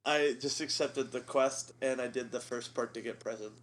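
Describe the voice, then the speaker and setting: A man's voice: medium pitch, fairly even intonation, normal speed, a bit bright. A man co-hosting a casual podcast chat, laughing a lot between his sentences. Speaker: podcast co-host.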